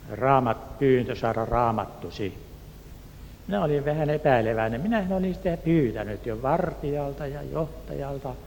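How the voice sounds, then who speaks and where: A man from Turku, Finland, telling a personal testimony in an earnest, unhurried way and acting out the voices of the people in his story. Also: medium pitch, a little mellow. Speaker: speaker giving a personal testimony. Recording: echoey hall, faint background noise.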